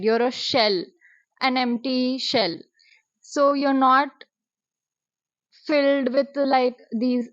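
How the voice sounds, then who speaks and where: A woman, talking through book reviews in a chatty, expressive vlog style. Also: on the high side, no echo. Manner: chatty, expressive, drops in Hindi words. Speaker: booktuber. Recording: dry, slightly muffled.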